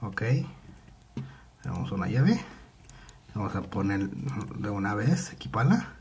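A man's voice: lowish voice, very animated, takes it slowly, background noise. A young man with a Mexican Spanish accent giving nervous let's play commentary on a horror game, muttering to himself and repeating words when he gets scared. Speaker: gaming YouTuber.

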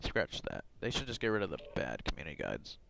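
A man's voice: a bass voice, wildly swooping pitch, quick pace, vocal fry, a bit bright, slight background noise, rough recording. A man streaming, rambling casually with lots of fillers and chuckles into a headset mic.

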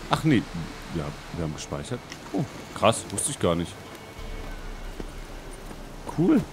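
A man's voice: wildly swooping pitch, a little slow, noisy background. A man gives casual gaming commentary, often muttering to himself as he plays. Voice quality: deep voice. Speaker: let's play host. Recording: game music behind the voice. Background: video game music.

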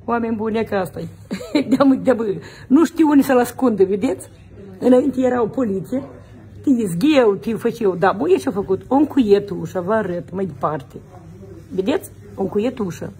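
A woman's voice: on the high side, dark tone. A middle-aged woman, talking emphatically in a casual street conversation. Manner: emphatic, keeps agreeing with repeated yes and correct.

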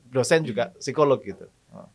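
A man's voice: mid-range voice, animated, normal speed, vocal fry, crowd noise. A man hosting a studio interview, chatting casually and humming along as his guests speak. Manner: frequent short backchannel hums and laughs. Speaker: host.

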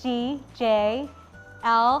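A woman's voice: extremely slow, a bit bright, dull audio, faint music behind. A young woman teaching an English pronunciation lesson in a cheerful, playful manner, explaining it step by step. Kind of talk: lively classroom lesson.

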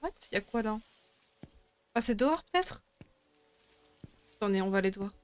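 A woman's voice: medium pitch, lively intonation, normal speed. A young woman streaming a horror game with casual commentary, jumpy and grumbling to herself as she plays, swearing freely. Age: young adult. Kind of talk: casual let's play commentary. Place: indoor room at home. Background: game music and rain sounds.

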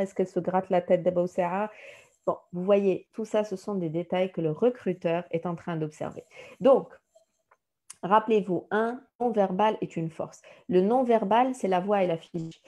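A woman's voice: medium pitch, warm tone. A woman with a Moroccan French accent teaching an online career workshop, counting off points one by one. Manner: didactic, enumerating points, acts out recruiter lines.

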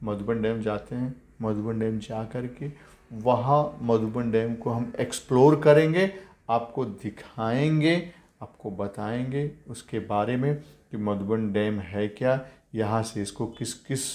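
A man's voice: on the low side, measured pace, darkish tone, no room sound. A man in his forties from India, casually narrating a travel vlog on a motorbike ride and by a lake, talking eagerly to his viewers. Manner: enthusiastic, addresses viewers as guys. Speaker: motovlogger. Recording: wind and road noise.

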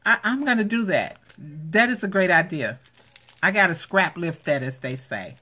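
This craft channel host has a lowish voice and talks at a normal speed. Recording a home unboxing vlog on a handheld camera, she exclaims over each piece with excited, repeated gushing.

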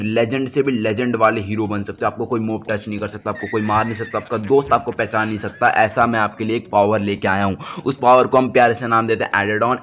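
A man's voice: lowish voice, fairly bright tone. A man doing a casual gameplay tutorial voice-over, chatty and thinking aloud as he picks options, recorded at home after the gameplay. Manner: chatty, keeps saying "guys", thinks aloud while picking options. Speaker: gaming channel host.

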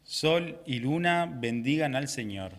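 A young man serving as lector, reading scripture at Mass in a measured, solemn way. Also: medium pitch, expressive. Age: young adult. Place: small chapel, indoors. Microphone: microphone at a lectern. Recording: reverberant chapel sound.

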